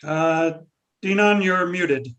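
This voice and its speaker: A man's voice: a little high, takes it slowly, a bit bright. A man moderating a video meeting, calling on people with brief upbeat prompts. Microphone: video call.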